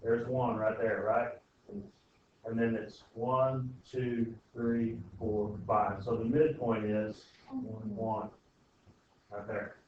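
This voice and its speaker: An algebra teacher leads an informal classroom lesson, putting questions to students and checking often that they follow. Heard through a distant, muffled mic in a very echoey, noisy room, his mid-range voice is flat and slow.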